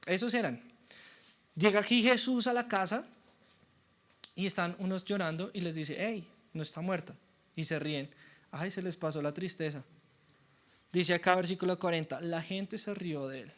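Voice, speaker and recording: A young man preaching a sermon, animated and acting out the voices of doubters. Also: high voice, normal speed, long pauses. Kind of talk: sermon teaching.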